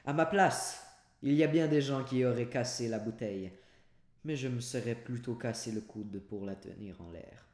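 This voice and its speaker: A man voicing Nanon, a devoted, blunt old servant woman, in a high rustic exclaiming voice, in an echoey room. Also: normal speed, darkish tone, natural voice. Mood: blunt protesting. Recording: roomy echoey home recording.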